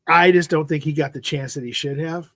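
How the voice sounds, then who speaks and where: A man's voice: fairly high pitch, steady tone, a little fast, vocal fry, sharp tone, no echo. A man in his fifties hosting a livestream, chatting casually about football in a rambling way, repeating himself and trailing off. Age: 50s. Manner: rambling, repeats "freaking", trails off mid-sentence. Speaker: livestream host. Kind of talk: casual sports chat.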